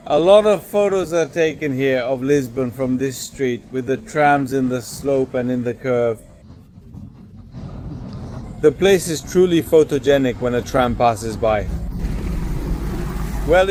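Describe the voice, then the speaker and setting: A man's voice: medium pitch, measured pace, darkish tone, a little hiss or hum. Chatty man narrating a travel vlog. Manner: chatty, narrating while walking and eating. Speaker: travel vlogger. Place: outdoors on city streets, later in a car. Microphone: handheld phone.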